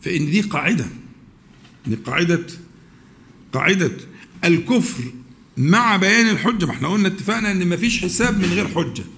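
Egyptian male religious teacher, slightly high gravelly voice, faint background noise, questions the class and halts to find words. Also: animated, fairly bright tone. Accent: Egyptian Arabic. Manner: questions the audience, with many drawn-out pauses and restarts. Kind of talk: religious lesson, explaining scripture to students.

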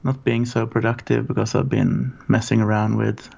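Man from Norway, 40s, gravelly, flat low delivery, rambling guest on a dull call line. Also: moderate pace. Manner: relaxed, rambling storytelling. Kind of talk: casual interview.

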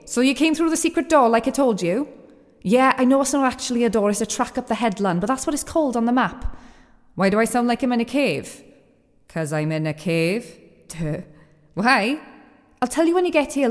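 A bossy, teasing young woman in an audio drama, voiced by an actress, talking briskly from inside a cave. Her voice sits a little high and carries a long cave echo that hangs after each phrase.

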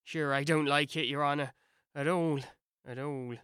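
A woman's voice: sits low, steady tone, normal speed, fairly bright tone, clear, resonant tone, no echo, clean studio sound, pitched below the performer's own voice. A woman voicing a humble male servant with a put-on Irish lilt, answering deferentially in an audiobook. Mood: meek. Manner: meek, deferential, drawling brogue.

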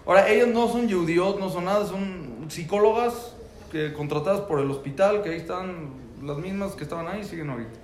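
A man's voice: high voice, a little fast, roomy sound, slight background noise. A man telling a personal story about his son, earnest and full of repeated words and restarts.

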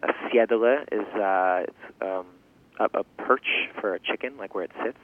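A young man with a fairly low voice answers interview questions casually. He speaks haltingly, working out his thoughts aloud and circling back over words. The sound is narrow and thin, like a telephone line. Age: 20s. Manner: halting, thinking aloud with restarts and repeated words. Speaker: interview guest, farm founder and language teacher.

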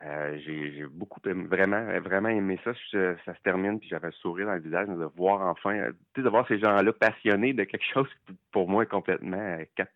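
A man with a Québécois accent reviewing documentaries in casual podcast chat, enthusiastic and halting with many fillers. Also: low voice, no room sound. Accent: Québécois French. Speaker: film critic guest. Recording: tinny phone-like line, dry.

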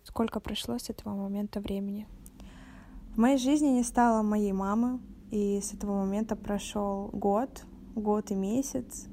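Flat, mellow-voiced young woman host. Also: mid-range voice, normal speed, slight background noise. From Novorossiysk, Russia. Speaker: podcast host. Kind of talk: podcast talk.

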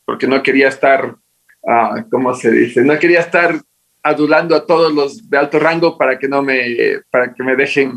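Animated Ecuadorian man, higher voice. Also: rough recording. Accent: Ecuadorian Spanish. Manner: animated, acts out quoted dialogue. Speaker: interview guest. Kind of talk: casual storytelling interview.

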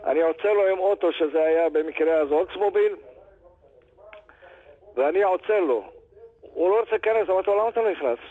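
An older man and grandfather calling in to a radio show, telling a story in an animated way and acting out the dialogue. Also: sits high, long pauses. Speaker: caller. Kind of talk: phone-in storytelling. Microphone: telephone. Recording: tinny phone line.

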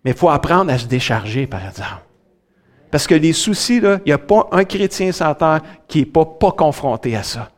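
Middle-aged Québécois male pastor, high voice, lively preacher swinging loud to soft. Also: normal speed. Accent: Québécois French. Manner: fills with "là", talks directly to the congregation. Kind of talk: sermon.

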